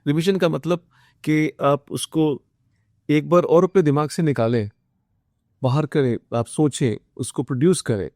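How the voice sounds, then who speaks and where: An Indian man teaching exam students, mixing English phrases into Hindi with frequent filler pauses. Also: mid-range voice, a little mellow, dry recording, clean studio sound. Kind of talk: motivational study lecture.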